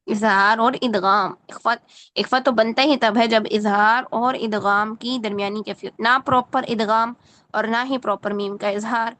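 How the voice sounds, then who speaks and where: A woman's voice: fairly high pitch, steady tone, a bit bright, no echo. A woman teaching Quran recitation in an online lesson, correcting a student patiently and often checking that she follows.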